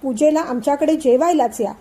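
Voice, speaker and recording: A woman voicing a playful young man in a storybook reading, gently teasing and calming his friend. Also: high voice, brisk, natural voice. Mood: coaxing. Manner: playful, soothing, laughing. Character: cheerful teasing male friend, coaxing.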